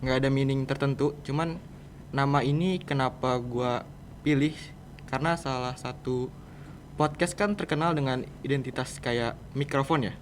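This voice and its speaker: A teenage student from Jakarta, leader of a podcast project, answers interview questions as a guest with an Indonesian accent, in an informal, roundabout, conversational way. His voice is medium-pitched at normal speed. Room ambience and clear background noise are audible.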